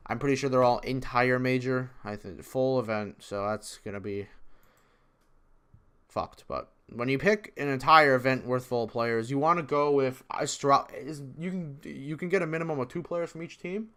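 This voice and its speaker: Clear-voiced excitable man vlogging. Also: medium pitch, moderate pace. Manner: excitable, profane, rambling. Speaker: esports video creator. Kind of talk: casual predictions vlog.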